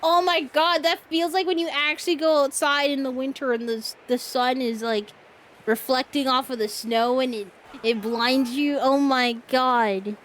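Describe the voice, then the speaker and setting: A woman's voice: sits high, steady tone, normal speed, fairly bright tone, slight background noise. A woman streamer giving casual gameplay commentary in a playful, giggly, chatty way.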